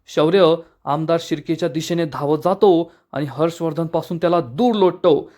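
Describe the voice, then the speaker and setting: A man's voice: on the high side, normal speed, darkish tone. A man narrating a recap of a TV serial episode, retelling the scenes and reading the characters' lines with emphasis. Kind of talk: dramatic story recap narration.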